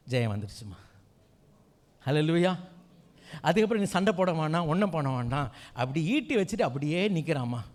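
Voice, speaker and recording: A man preaching a fervent Tamil sermon and prayer as pastor, exhorting with frequent hallelujahs. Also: on the high side. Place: church hall. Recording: reverberant hall with loud music behind.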